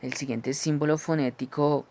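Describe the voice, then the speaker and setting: A man teaching English phonetics, who explains each symbol slowly and keeps checking with "¿sí?". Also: on the high side, fairly even intonation, a little mellow, a little hiss or hum. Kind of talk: phonetics lesson.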